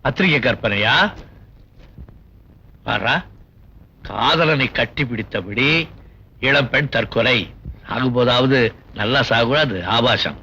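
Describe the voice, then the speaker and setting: An actor playing a cynical bachelor boss who rants sarcastically about weddings and the news. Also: male voice, medium pitch, slow, long pauses, bright, forceful tone, breathy edge, full character voice. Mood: scornful. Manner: sarcastic, scornful ranting. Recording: dull old film soundtrack.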